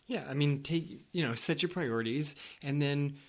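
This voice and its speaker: A man's voice: on the high side, normal speed. Easygoing male co-host, conversational and loose, stumbles over words. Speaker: podcast co-host. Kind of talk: casual chat.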